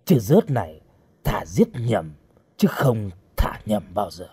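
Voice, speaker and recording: A man voicing a brutal wanted outlaw interrogating a captive, talking in a low, gruff, threatening growl. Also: sing-song, slow, dark tone, heavily acted.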